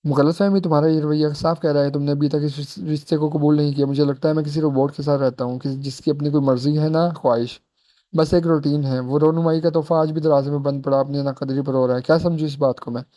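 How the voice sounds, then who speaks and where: A man's voice: fairly high pitch, fairly even intonation, fast, mellow, close to an everyday voice. A man voicing a short-tempered, domineering young husband in a storybook reading, with a harsh scolding manner. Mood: angry scolding.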